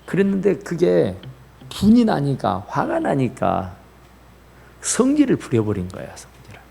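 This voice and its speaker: Male pastor, sermon in church, raspy gravelly tone, fairly high and very lively delivery. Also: measured pace. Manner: animated preaching, rising and dropping to near whispers. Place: church sanctuary.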